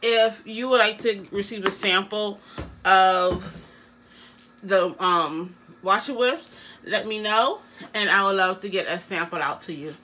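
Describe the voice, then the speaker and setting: A woman's voice: medium pitch, unhurried, bright, forceful tone, slight background noise, poor audio. A woman giving a casual product demonstration, her articulation slightly awkward as she talks with new braces in her mouth. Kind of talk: casual product demo chat.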